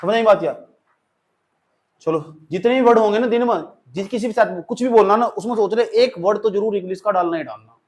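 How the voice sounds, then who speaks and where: A man's voice: high-pitched, fairly quick. A man with an Indian accent giving a classroom English lecture, switching between Hindi and English and acting out sample sentences. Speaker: English teacher.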